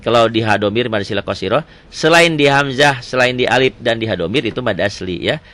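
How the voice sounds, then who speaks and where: A man teaching Quran recitation rules one-on-one, quizzing his student with quick repeated questions. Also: medium pitch, animated, fairly bright tone. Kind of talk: one-on-one tajwid lesson.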